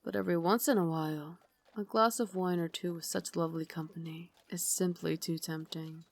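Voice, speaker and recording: A woman playing a refined, tender but tormented Victorian vampire lady in an ASMR roleplay, speaking in a formal, genteel way with breathy asides. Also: on the low side, fairly even intonation, moderate pace. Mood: poised, wistful. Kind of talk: ASMR roleplay, dramatic monologue.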